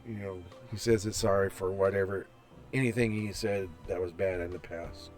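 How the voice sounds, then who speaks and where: A man's voice: deep voice, fairly even intonation. A man playing through a visual novel, reading its text aloud with restarts and commenting on the characters. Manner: slow, chatty, reads text aloud with restarts. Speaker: gameplay narrator. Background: soft background music.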